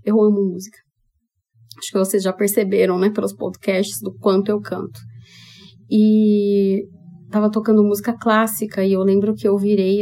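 A woman's voice: medium pitch, mellow. A woman with a Brazilian Portuguese accent hosting a podcast, telling a personal story candidly and expressively, speaking straight to her listeners. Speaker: podcast host.

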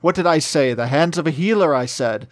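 A man reading aloud the lines of a chatty, proud old woman healer, raising his pitch slightly. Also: fairly quick, dry recording, clean studio sound, close to an everyday voice.

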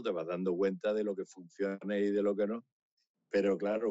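A man, a romancero performer telling anecdotes in a chatty, animated way and laughing often. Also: low voice, no room sound. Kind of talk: casual interview storytelling. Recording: slightly dull, dry radio recording.

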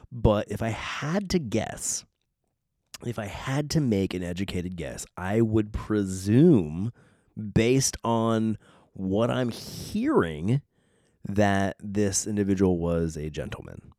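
A man's voice: fairly low pitch, animated, takes it slowly, dark tone, no room sound, studio quality. A man from Southern California with a Southern Californian accent, rambling wryly through a casual podcast monologue and repeating phrases. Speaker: podcast host.

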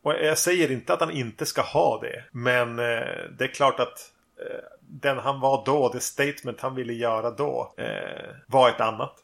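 A man with a gravelly, fry-laden voice talks over a film on a casual podcast. He is measured and thoughtful, pausing on fillers as he reasons aloud. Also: mid-range voice, fairly bright tone. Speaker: podcast co-host.

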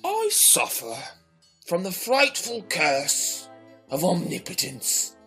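Slow, pompous, world-weary sorcerer. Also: male voice, high-pitched, wildly swooping pitch, fairly bright tone, faint music behind, voice pushed up, full character voice. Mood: grandiose ennui. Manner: pompous, drawn-out theatrical delivery. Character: bored, all-powerful male sorcerer, grandly weary. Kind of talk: dramatic story reading.

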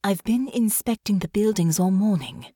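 A woman's voice: mid-range voice, big pitch swings, normal speed, warm tone, slightly rough, dry recording, clean studio sound. A woman reading a tart, snappish young woman. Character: sharp-tongued young woman, blunt and impatient.

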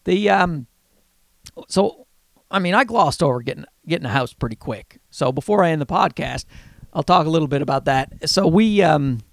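A man with a Newfoundland Canadian accent, hosting a podcast as a casual, rambling comedic monologue with animated, exasperated storytelling. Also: fairly high pitch, normal speed, vocal fry, dry recording. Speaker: podcast host.

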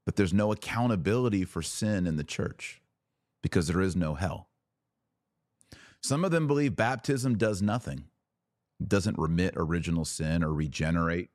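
A podcast host delivers a fervent religious monologue, exhorting listeners emphatically with rhetorical questions and repetition. His voice sits on the low side with a darkish tone, and the recording is clean studio sound with no echo.

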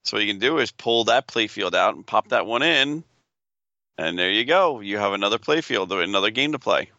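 Male co-host, lowish and very bright, pushing his opinions in casual banter, slightly dull dry audio. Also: expressive, fairly quick, no room sound. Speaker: podcast co-host. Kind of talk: casual chat.

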